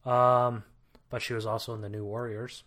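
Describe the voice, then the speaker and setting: A man co-hosting a podcast in casual chat, his voice of middling pitch. He sounds wry and grumbly, with a self-aware curmudgeonly tone. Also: flat delivery, moderate pace, a bit bright. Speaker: podcast co-host.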